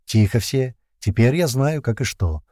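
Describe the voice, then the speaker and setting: A man's voice: medium pitch, animated, unhurried, warm tone, no room sound, studio quality. A man voicing a snappish young male prisoner who hacks a laptop, curt and swearing, in an audiobook reading. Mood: calm. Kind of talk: audiobook character voice.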